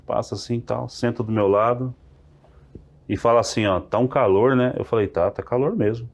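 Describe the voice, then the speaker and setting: A man, a podcast guest telling a religious testimony in an animated way, acting out the dialogue. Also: mid-range voice, moderate pace. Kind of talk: testimony storytelling.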